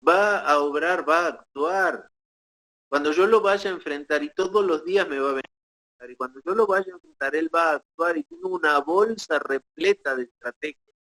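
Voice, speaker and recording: A man preaching as pastor, teaching in a measured way with pauses and short tag questions to the congregation. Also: fairly high pitch, pushed and bright, rough recording. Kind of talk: sermon.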